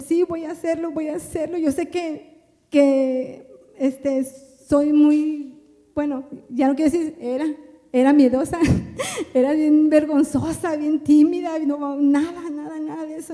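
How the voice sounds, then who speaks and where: A woman's voice: high-pitched, mellow. Earnest woman, lay preacher's testimony, repetitive and emotional; long hall reverb. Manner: emotional, repeats phrases over and over. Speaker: church member preaching. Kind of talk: testimony sermon.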